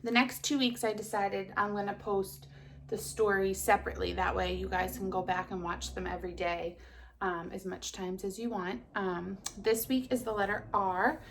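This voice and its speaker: Preschool teacher, female, kindergarten teacher delivery with a gravelly, creaky edge, guiding small children through story time. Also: medium pitch, a little hiss or hum. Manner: kindergarten teacher voice, simple child-directed phrasing with stressed letter sounds. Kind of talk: circle-time lesson and read-aloud story for young children.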